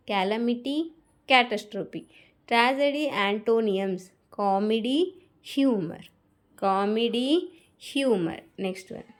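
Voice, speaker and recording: A woman with a Telugu accent reads out vocabulary words in a lesson. Her voice sits a little high, and her delivery is slow and deliberate. She says each word and then repeats it. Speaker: vocabulary teacher.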